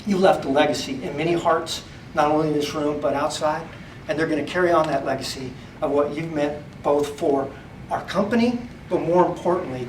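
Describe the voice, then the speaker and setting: A man speaking to a crowd in a farewell tribute to a retiring colleague. He laughs often as he tells his stories. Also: on the high side. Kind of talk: informal speech to a crowd. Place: large indoor room at an office party. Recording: echoey room recorded from far off, faint noise.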